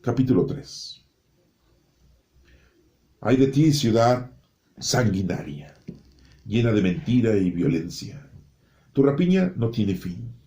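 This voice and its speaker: A man reading a prophetic book of scripture aloud, rising and dropping his voice dramatically and slowing down on key phrases. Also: fairly low pitch, very animated, dark tone. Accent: Spanish-speaking.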